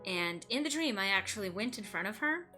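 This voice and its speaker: A woman's voice: mid-range voice, expressive, fairly quick, music in the background. A woman live streaming a game, reading aloud expressively and chatting with wry asides.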